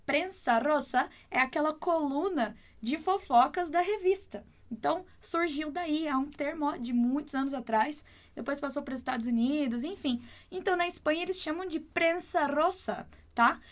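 A woman teaching Spanish, explaining patiently and repeating words slowly and clearly. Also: sits high. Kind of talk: online language lesson.

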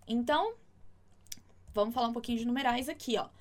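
A Brazilian woman teaching Spanish in an online lesson, explaining patiently and repeating words slowly so learners can practise. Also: fairly high pitch. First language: Portuguese.

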